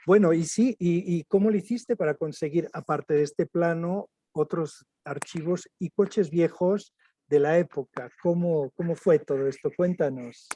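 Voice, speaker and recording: Halting male interviewer, dark dry voice. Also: fairly high pitch, no room sound. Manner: hesitant, halting questions. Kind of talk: conversational interview.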